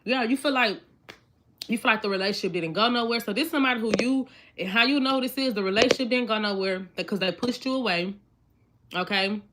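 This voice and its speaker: A woman in her twenties reads tarot casually, talking fast in a slightly high voice. She chats to her viewers directly and repeats herself often. The card shuffling is plainly audible, with clicks in the background.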